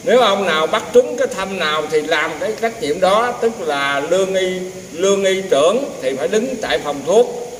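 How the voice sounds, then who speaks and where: A man's voice: high-pitched, animated, normal speed. An older man, a temple herbal healer, casually telling rambling, folksy stories and acting out the dialogue of others. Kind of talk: casual storytelling. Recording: echoey, distant, roomy with faint noise.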